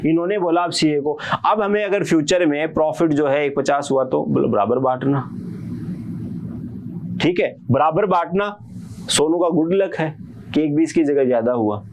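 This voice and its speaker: A man's voice: a little high, moderate pace, darkish tone. A young male teacher explains an accounting idea through a playful story, giving each character a short quoted voice. His talk is easygoing and chatty, and he keeps checking that his students follow along. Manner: acts out partners' quarrels with a CA in quoted voices; checks in often with repeated questions. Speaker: commerce teacher. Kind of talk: casual Hindi lecture with playful storytelling.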